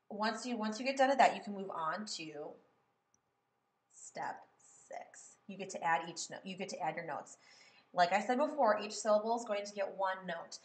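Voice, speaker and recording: A woman's voice: mid-range voice, reverberant. A woman music teacher explaining step by step in a patient classroom manner. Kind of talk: classroom lesson on writing melodies.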